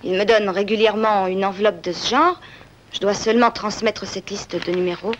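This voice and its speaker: Actress playing defiant young woman, evasive runaway, mid-pitched, seventies film drama, slightly noisy soundtrack. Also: fairly quick, muffled recording, close to an everyday voice. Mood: confessing, earnest. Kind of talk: 1970s French-language film drama acting.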